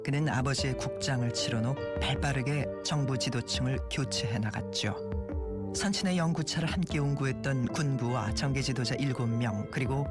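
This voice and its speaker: A man reads scripted documentary narration in a measured, formal way. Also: medium pitch. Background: loud background music.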